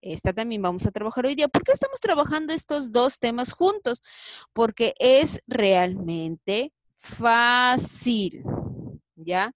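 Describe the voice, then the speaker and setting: A woman's voice: a little high, big pitch swings, brisk, hardly any pauses, no echo. A woman teaching a children's reading lesson. She stretches each word syllable by syllable and coaxes her pupils to read along. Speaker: primary school teacher.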